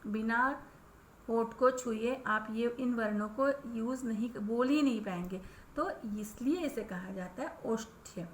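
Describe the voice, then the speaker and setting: A woman teaching children a grammar lesson, explaining patiently and saying each sound aloud, often checking in with a quick question. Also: fairly high pitch. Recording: echoey room with faint ambient noise.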